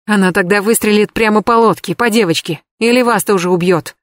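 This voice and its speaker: A woman reading an audiobook, voicing a hoarse police colonel barking orders. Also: medium pitch, fairly quick, dry recording, clean studio sound, close to an everyday voice. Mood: commanding.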